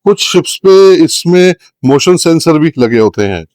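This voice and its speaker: A man's voice: fairly high pitch, big pitch swings, rapid-fire, a little mellow. A man with an Indian accent hosting an explainer vlog on a ship's bridge, switching between English and Hindi and restating points to teach. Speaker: video host and interviewer.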